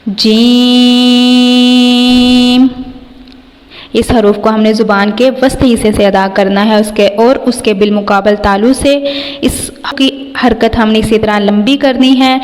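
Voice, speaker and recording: Patiently pronouncing each letter at great length, a female Quran reading teacher with a Pakistani Urdu accent explains tajweed in an even, unvaried tone. Her voice sits fairly high and rings with long reverb like a hall.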